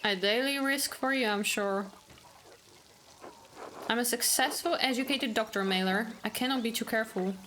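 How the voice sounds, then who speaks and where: A woman's voice: on the high side, moderate pace, long pauses, a bit bright, slight background noise, natural voice. A woman voicing an arrogant, condescending male village doctor from a video game, reading his lines aloud in a haughty tone. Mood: disdainful.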